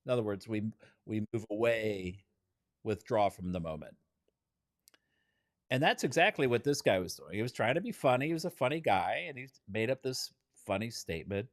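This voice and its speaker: Lively, animated male creativity trainer. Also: on the low side, normal speed, dry recording, studio quality. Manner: animated storyteller who chuckles and acts out what others said. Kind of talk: keynote-style teaching with anecdotes.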